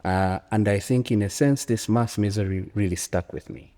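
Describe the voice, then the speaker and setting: This is an interview guest, a Zambian economics academic in his early 40s, whose lowish voice is steady and dark at normal speed. His answers are reflective, emphatic storytelling with frequent repeated phrases, heard in an echoey hall with long reverb.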